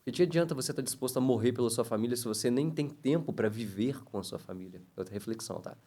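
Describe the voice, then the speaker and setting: A man's voice: medium pitch, quick pace, dark tone. A man who is a podcast guest, speaking earnestly and telling a personal story about a faith experience. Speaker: podcast guest, ministry leader. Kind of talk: casual podcast conversation.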